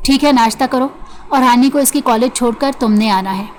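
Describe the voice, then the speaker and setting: A woman reading the part of a stern, calm middle-aged man who heads the family. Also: on the high side, fairly quick, slight background noise, close to an everyday voice. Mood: firm. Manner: calm but firm.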